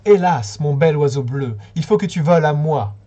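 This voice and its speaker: A young captive princess from a storybook, played by a man reading aloud, raising her voice in a dramatic, theatrical lament. The voice stays soft-toned and a little husky. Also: on the high side, fairly quick.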